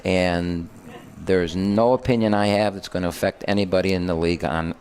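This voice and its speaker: An older man who is a basketball head coach tells rambling stories in casual radio chat, correcting himself as he goes. His voice sits low and is a little mellow, with fairly even intonation and a moderate pace, over a little hiss or hum.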